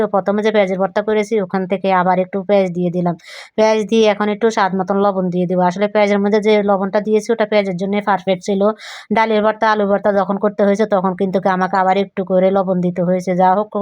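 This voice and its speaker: Fast-talking woman food vlogger, crisp dry voice. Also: medium pitch, no room sound. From Bangladesh. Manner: chatty, homely, describing each step. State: voice keeps going hoarse. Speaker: cooking vlogger. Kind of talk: recorded voice-over for a cooking vlog.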